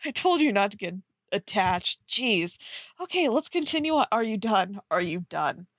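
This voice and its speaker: This woman's mid-range voice swings widely in pitch at a normal speed, heard in a muffled recording without echo. As a streamer, she reads fan fiction aloud and picks it apart in casual live commentary, blunt and teasing with sarcastic asides.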